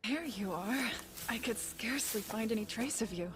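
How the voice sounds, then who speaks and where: A woman's voice: on the high side, animated, normal speed, close to an everyday voice. A woman playing a formal, attentive fantasy mentor in a cartoon dub. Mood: impressed.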